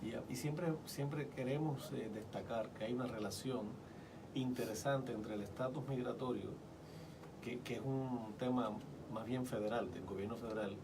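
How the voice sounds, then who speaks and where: A man co-hosts a radio talk show, asking careful, probing follow-up questions. His voice sits back from the microphone, with steady background noise around it. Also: mid-range voice, normal speed, recorded from a distance. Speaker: radio co-host.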